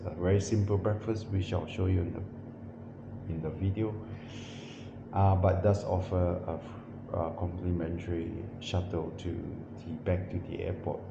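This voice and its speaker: A New Zealand man with a low, gravelly voice, boomy and slightly dull, does a casual vlog walkthrough to camera in a small windowless hotel room. As a travel vlogger he's halting, repeating and correcting himself with many fillers, and the echoey recording is muffled with a noisy background.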